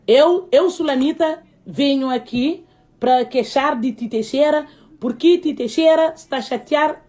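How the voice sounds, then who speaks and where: A high-voiced woman with a Cape Verdean accent puts on a garbled, mock-formal complainer. She talks in broken, repetitive Portuguese, pitched above most women. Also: measured pace, a little mellow. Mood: mock complaint.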